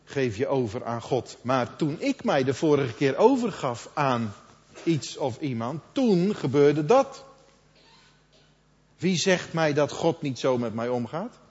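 A middle-aged man preaching a sermon in a conversational manner, quoting others in lively asides. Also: mid-range voice, slow. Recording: dull sound with long hall reverb.

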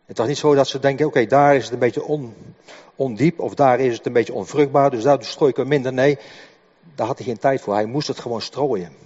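An older man giving a sermon in a halting way, often repeating words as he explains. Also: mid-range voice, darkish tone, husky. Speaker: preacher. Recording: dull echoing hall recording.

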